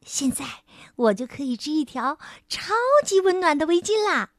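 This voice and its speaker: A woman voicing an excitable little boy mouse in a children's storybook, with squeaky, eager exclamations. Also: a little slow, no room sound, clean studio sound, exaggerated voice. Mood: excited.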